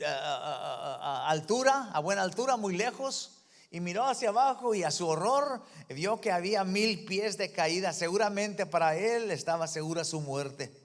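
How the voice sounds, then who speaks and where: A male pastor preaching a sermon in a church, slow and emphatic, telling a story with drama. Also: sits high. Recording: long hall reverb.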